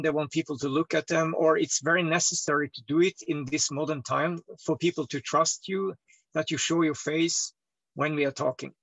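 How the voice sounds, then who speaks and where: A man from Northern Scandinavia, talking loudly in broken English as an interview guest while lying down away from the microphone. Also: no echo, lo-fi sound. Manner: speaks loud toward a distant mic, broken English, swings between deep and high. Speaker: healer interviewee. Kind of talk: rambling interview monologue. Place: lying down indoors. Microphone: microphone set away from his head.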